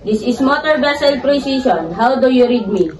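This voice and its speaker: A woman's voice: high-pitched, lively intonation, normal speed, darkish tone. A woman playing a ship's radio operator calling port control over marine radio, using formal call-and-over procedure. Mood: calm. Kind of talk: scripted radio dialogue. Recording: distant, roomy, dull, faint hiss.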